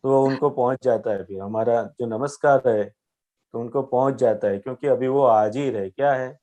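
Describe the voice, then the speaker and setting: A man with a Gujarati accent giving a gentle spiritual teaching, patiently checking that his young listener understands. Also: mid-range voice, moderate pace.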